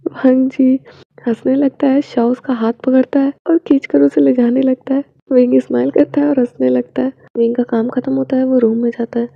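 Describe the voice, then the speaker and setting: A woman reads a romance story aloud and speaks every character's lines herself. Her slightly high voice is heavily gravelly and husky. The sound is dry, close and dull, like a lo-fi home recording. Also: little pitch movement, normal speed, no echo. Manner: switches between narration and characters with little change of voice. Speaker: fan fiction reader. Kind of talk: reading a romance story aloud, doing all parts.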